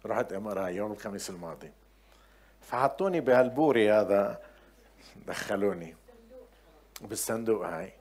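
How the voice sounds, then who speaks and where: A middle-aged man with a Levantine Arabic accent preaches, sharing chatty personal anecdotes and swinging between quiet asides and loud, emphatic points. His voice is fairly low and breathy-edged, fairly quick, with long pauses.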